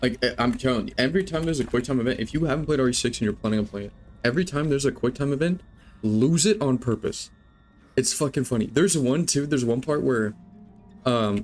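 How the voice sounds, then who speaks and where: A man's voice: mid-range voice, a little mellow. A young adult man streaming a game, rambling, joking and swearing as he chats with viewers. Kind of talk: live gameplay commentary.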